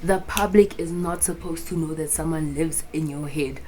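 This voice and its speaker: A South African woman in her twenties with a low, dark voice and moderate pace talks to camera as a vlogger. Her chat is loose and rambling, full of swearing and local words, and she's recorded on a phone with a small clip-on mic.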